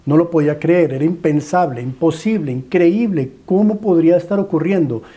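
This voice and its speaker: A Colombian man preaching in a fairly high voice with a mellow, warm tone. He tells the story dramatically and pleads with his listeners, piling up rhetorical questions and repeating his phrases. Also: moderate pace.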